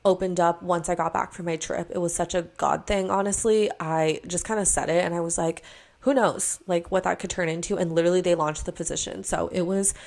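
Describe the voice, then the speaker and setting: Her voice fairly low, steady and a little mellow with some vocal fry, a twentysomething woman from Hawaii talks a bit quickly in a podcast-style vlog. Seated before a camera mic, she comes across as earnest and chatty, peppering her speech with "like" and "you know."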